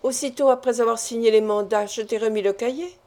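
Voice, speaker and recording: A woman's voice: on the high side, fairly even intonation, brisk, a little mellow, close to an everyday voice. A woman reading the lines of a stern, ailing elderly father who presses his family with questions. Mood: interrogating.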